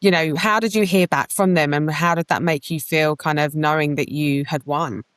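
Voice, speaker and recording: A woman's voice: low voice, fairly even intonation, moderate pace, no room sound, clean studio sound. A woman hosting a casual interview, attentive as she puts questions to her guest.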